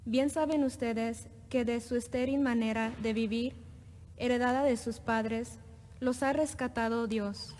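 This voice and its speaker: A woman with a slightly high voice reads at Mass. She is slow and formal, leaving pauses between solemn phrases. Long cathedral echo surrounds her, over faint background noise. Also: steady tone, a little mellow. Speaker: lector reading the epistle at Mass. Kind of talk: solemn scripture reading.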